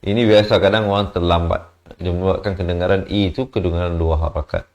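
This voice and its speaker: Speaking fast in a low, steady voice, a man with a Malaysian Malay accent teaches Quran recitation rules. He chants brief phrases before quietly explaining them and patiently fixes errors one syllable at a time.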